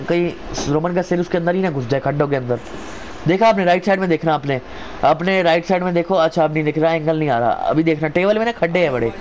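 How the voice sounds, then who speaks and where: High-pitched man, informal wrestling game commentator. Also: darkish tone, a little hiss or hum, poor audio. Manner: chatty play-by-play like an informal wrestling commentator, repeating phrases. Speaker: gamer commentating his own wrestling video game match. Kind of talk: excited casual gameplay commentary.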